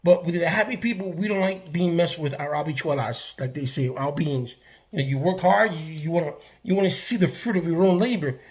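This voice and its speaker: A man's voice: a little high, brisk. A man from the Bronx, ranting to camera in a casual, emphatic way, with many restarts and fillers. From the Bronx, New York. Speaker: vlogger. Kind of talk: casual political rant to camera.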